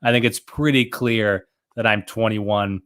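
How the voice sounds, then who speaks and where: A man's voice: lowish voice, fairly even intonation, unhurried, a bit bright. A young man chatting casually on a trivia livestream, rambling and self-mocking with lots of fillers. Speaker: trivia contestant and co-host.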